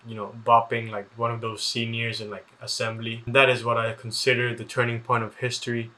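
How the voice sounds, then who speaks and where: A man's voice: mid-range voice, pushed and bright. A teenage boy, a student, telling a comedic story in an exaggerated, mock-dramatic way, with lots of "like" fillers. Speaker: student vlogger.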